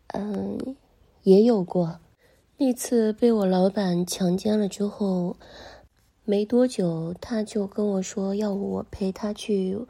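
Young woman telling her story softly, half whispering, bit of vocal fry, mellow tone. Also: medium pitch. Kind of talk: first-person confessional storytelling.

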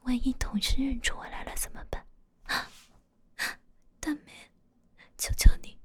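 A woman's voice: high-pitched, flat delivery, unhurried. A woman whispering the part of a flustered young office worker who pleads with a coworker. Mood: pleading.

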